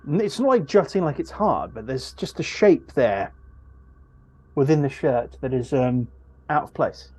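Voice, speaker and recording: A man narrates a tabletop role-playing game as its game master. His voice sits at an ordinary middle pitch, and he often pauses and rephrases as he describes what the players find. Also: animated, a little mellow. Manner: halting, searching for words.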